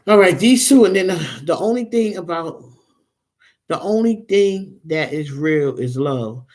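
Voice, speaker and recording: A woman's voice: lowish voice, animated, unhurried, a little mellow. Woman, 40s, tarot reader, casual rambling livestream host, addresses viewers directly.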